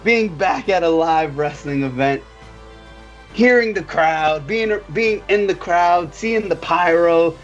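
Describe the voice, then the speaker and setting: A man's voice: high voice, dull audio. A man appearing as a guest on a casual wrestling podcast, earnest and repeating words as he goes.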